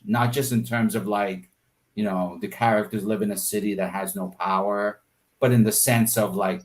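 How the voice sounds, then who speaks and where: In this clip, a man with a lowish, slightly bright voice is interviewed as an artist. He talks about his creative process in a casual, thoughtful way, often searching for words and scattering "like" and "you know" through his answers.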